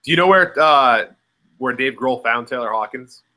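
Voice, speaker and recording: A young man co-hosting a podcast, speaking conversationally with hesitant pauses. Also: medium pitch, pushed and bright, low-quality recording. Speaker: podcast co-host. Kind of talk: casual chat.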